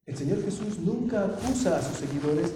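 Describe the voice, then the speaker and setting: A man preaching a sermon as a pastor, animated, with sudden loud emphasis. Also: on the high side, moderate pace, far from the mic. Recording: very echoey hall, heard from afar with clear noise.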